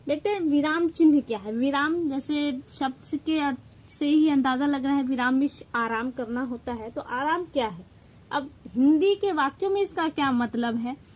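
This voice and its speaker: A woman with a bright, high voice and a Hindi accent teaching a grammar lesson for exam prep. She explains patiently and step by step, leaning on key terms and slipping English words into her speech. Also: normal speed, low-quality recording.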